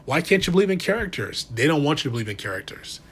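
A man's voice: fairly high pitch, big pitch swings, fast, a bit bright, slightly rough. A man giving a sarcastic, exasperated wrestling commentary monologue, talking casually and animatedly.

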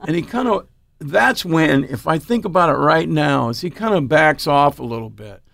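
This Oregon blues musician has a bright-ish, expressive voice on the high side, with vocal fry, at a normal speed. In an interview he spins a casual anecdote, performing each character's lines in a different voice.

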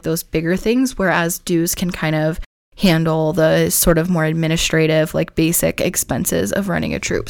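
A woman hosting her own podcast, slightly hoarse from losing her voice, explaining things in a chatty way with frequent "like" fillers. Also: on the low side, no echo, clean studio sound. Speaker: podcast host. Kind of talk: casual solo podcast talk.

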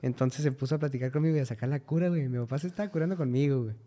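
A man's voice: mid-range voice, rapid-fire, crowd noise. A young man, talking slangily as a podcast guest in casual chat. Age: young adult. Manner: slangy, peppers talk with "güey".

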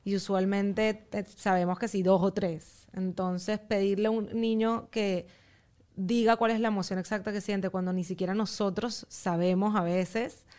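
A woman guest on a podcast, speaking calmly and in a measured way as she explains her parenting approach step by step. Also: mid-range voice. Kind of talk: casual chat.

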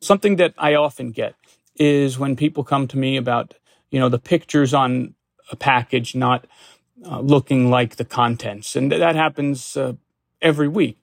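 A man with a gravelly edge answers interview questions as a lawyer, slowly and with care. He restarts often and pads his answers with fillers. The sound is dry and close. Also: mid-range voice, no room sound. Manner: measured, hesitant, many fillers and restarts. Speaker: consumer protection lawyer.

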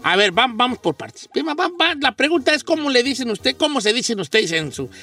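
Man, radio host, very high lively voice, playful teasing banter, a bit off-mic, music underneath. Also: brisk, far from the mic. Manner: playful teasing, mixes in English phrases.

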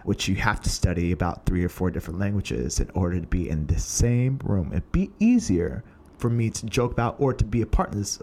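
A young man with a lowish voice tells a personal story in an earnest, reflective way. He takes his time and pauses often as he thinks. A faint hiss of background noise sits under the recording. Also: warm tone. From Portland, USA. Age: young adult. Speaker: singer telling his story.

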